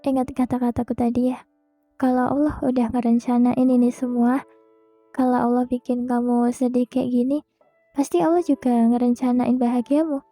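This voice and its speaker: A young woman hosting a podcast, speaking a gentle, reassuring monologue straight to the listener. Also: a little high, flat delivery, normal speed, no echo, soft background music. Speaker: podcast host. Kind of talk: soft comforting monologue.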